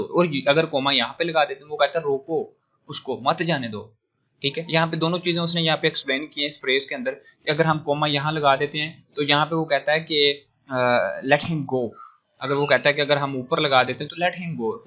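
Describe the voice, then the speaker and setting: A man talks through study material in a casual recorded lecture, his voice bright and forward. He explains step by step, drops in fillers, and slips into English phrases. The sound is dull and lo-fi, like a cheap recording mic. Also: mid-range voice. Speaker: tutor. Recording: dull lo-fi audio.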